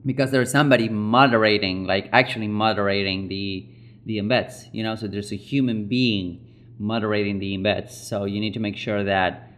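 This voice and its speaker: Low-voiced man co-hosting a podcast. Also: fairly even intonation, moderate pace, fairly bright tone. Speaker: podcast co-host. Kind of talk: casual podcast chat.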